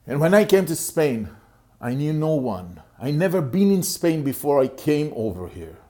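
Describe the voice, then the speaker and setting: Speaking to the camera, a middle-aged motivational speaker from Israel shares his personal history with earnest hesitation, often circling back to repeat or restart what he's saying. His voice sits fairly high and has a mellow, sing-song lilt.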